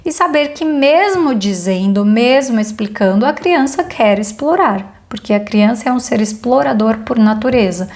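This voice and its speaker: A woman with a fairly high voice gives a parenting course lesson. She speaks earnestly, turning often to the listener with rhetorical questions. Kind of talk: course module lecture.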